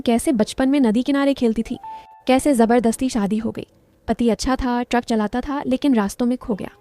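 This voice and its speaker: A woman narrating a scripted story in a steady, descriptive way. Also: on the high side.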